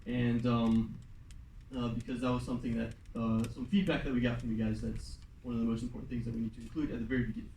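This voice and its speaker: A man's voice: mid-range voice, level tone, fast, mellow, slight background noise. A young man, a student club president, casually presenting the semester plan to a class, with lots of fillers and some switches into Mandarin. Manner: loose and chatty, many fillers, switches into Mandarin at times. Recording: echoey classroom from far off.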